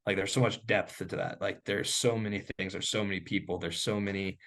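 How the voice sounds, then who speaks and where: A young man hosting a casual sports chat with a lowish voice. He rambles along and fills nearly every gap with "like", circling back on his points as he goes. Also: steady tone, fairly quick, a bit bright. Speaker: host.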